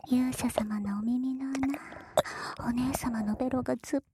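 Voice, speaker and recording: A woman voicing a playful, teasing younger sister in a whispered role-play, giggling and drawing out her words in a husky voice. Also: sits high, steady tone, slow pace, mellow, a little hiss or hum.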